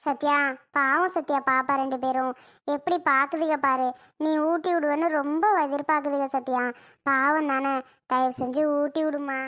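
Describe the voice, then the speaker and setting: A woman voicing a gentle, caring middle-aged mother in a cartoon, coaxing and pleading. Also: high voice, steady tone, normal speed. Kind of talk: cartoon voice acting.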